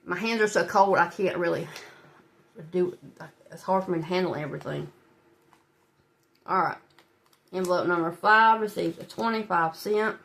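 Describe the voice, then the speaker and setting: She speaks at a moderate pace in a lowish, fairly bright voice with vocal fry, pausing often. This budgeting channel host has a head-cold stuffy nose and chats casually with viewers, with small laughs, as she fills in her savings challenges.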